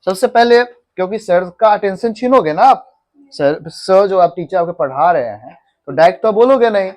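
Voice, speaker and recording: A man's voice: high-pitched, expressive, moderate pace, darkish tone. Classroom teacher drilling his pupils. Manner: drills the class with call-and-response questions; repeats and corrects words patiently. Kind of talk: classroom lesson in mixed Hindi and English. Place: classroom with a board.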